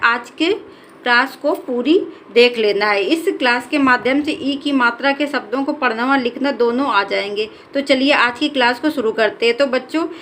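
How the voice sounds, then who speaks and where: A woman teaching a children's reading lesson, stretching out syllables slowly and clearly as she sounds out each word. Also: high-pitched, a bit bright, slight background noise. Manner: drawn-out syllables, slow and clear.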